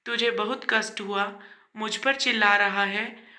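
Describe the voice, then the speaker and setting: A woman's voice: mid-range voice, steady tone, unhurried, pushed and bright, roomy sound. A woman voicing an elderly, patient and loving mother in a storybook tale. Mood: reproachful.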